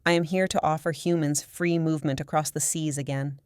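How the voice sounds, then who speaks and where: A woman's voice: low-pitched, steady tone, brisk, darkish tone, clean tone, no room sound, studio quality, natural voice. A woman voicing a regal mermaid queen who speaks formally and with composure, in an audiobook. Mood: composed. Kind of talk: audiobook character voice.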